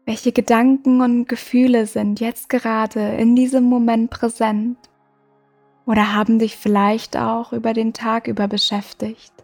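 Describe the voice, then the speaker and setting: A woman hosting a meditation podcast, guiding the listener in a soft, slow, soothing way with long pauses. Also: fairly high pitch, little pitch movement. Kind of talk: guided meditation. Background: music.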